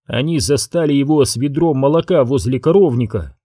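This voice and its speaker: A man narrating an audiobook with steady storytelling. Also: mid-range voice, a little fast, slightly rough, dry recording, studio quality. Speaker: audiobook reader. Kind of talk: scripted narration.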